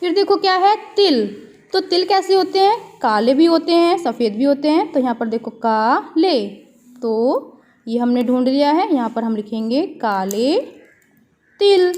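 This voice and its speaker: A woman teacher going through a children's worksheet, slowly spelling out words letter by letter and asking simple questions. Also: high voice, animated, a little mellow.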